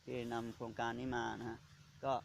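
Halting Buddhist monk talking outdoors. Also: male voice, medium pitch, level tone, vocal fry, noisy background. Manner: halting, searching for words, polite particles after nearly every phrase. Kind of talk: casual on-site video commentary. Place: outdoors beside a pond or pit.

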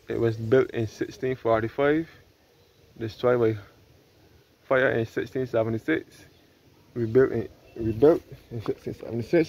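A travel vlogger, a man with a medium-pitched, somewhat dark voice, leads a casual walking tour through a clifftop churchyard and keeps repeating and rephrasing as he explains. He holds the phone camera himself, so the outdoor audio is dull and lo-fi with background noise.

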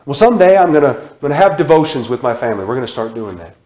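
A man in his thirties preaching a sermon in a church sanctuary, repeating phrases with emphasis and sudden drops to a hush. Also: mid-range voice, sing-song, rapid-fire. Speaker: guest preacher. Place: church sanctuary, large indoor room. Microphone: far camera, room mic. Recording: echoey church hall.

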